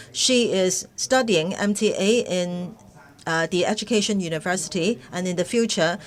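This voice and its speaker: A woman working as a live interpreter of webinar speeches, speaking haltingly, phrase by phrase. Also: mid-range voice. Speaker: simultaneous interpreter.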